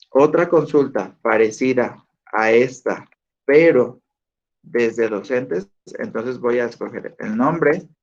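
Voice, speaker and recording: A male teacher giving a lesson and questioning his students. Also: medium pitch. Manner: slow, deliberate, asks students questions. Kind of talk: online class lecture. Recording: dull lo-fi audio.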